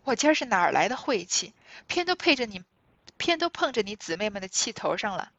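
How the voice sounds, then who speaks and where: A woman's voice: medium pitch, big pitch swings, brisk, fairly bright tone, no echo. A flustered married noblewoman who laughs off trouble and tries to appease everyone, as a woman reads her part. The sound is close and dry, slightly muffled. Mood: placating.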